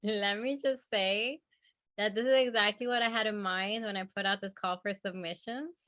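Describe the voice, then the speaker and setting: A woman's voice: medium pitch, steady tone, moderate pace, sharp tone. A woman chatting casually and effusively as the host of a reading event. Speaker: host and editor of a story reading. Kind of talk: casual chat.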